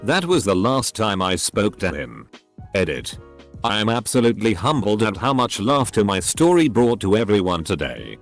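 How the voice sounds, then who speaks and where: A man reading out online posts in a flat, machine-like way, spelling some words letter by letter. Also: on the low side, normal speed, soft background music. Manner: reads abbreviations letter by letter, odd phrasing. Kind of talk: flat text-to-speech reading.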